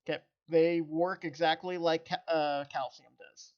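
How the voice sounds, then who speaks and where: A man running a tabletop role-playing game as game master, thinking aloud in an unhurried way. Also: on the high side, fairly even intonation, dull audio.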